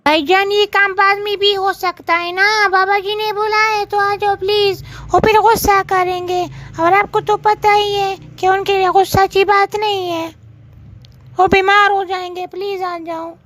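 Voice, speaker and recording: A woman's voice: very high voice, flat delivery, a bit bright. A woman playing a dutiful young woman of the family who keeps pleading with her brother in a comedy skit. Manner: pleading, persuasive.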